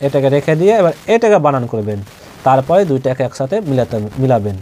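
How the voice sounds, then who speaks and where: A man with a Bangladeshi accent teaching Quran reading, spelling out Arabic letters and reciting them in a drawn-out chant, with quick explanations in between. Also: medium pitch, sing-song, dark tone.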